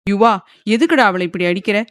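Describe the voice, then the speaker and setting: A woman's voice: mid-range voice, animated, fairly quick, no echo, clean studio sound, natural voice. A woman playing a bewildered, stern older mother. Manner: questioning, raised voice.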